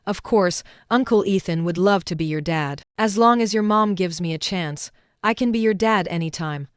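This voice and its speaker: Woman doing a gentle guy, soft and tender, clean smooth voice. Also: medium pitch, moderate pace, no echo, clean studio sound, lightly acted. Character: gentle affectionate man, the wife's lover.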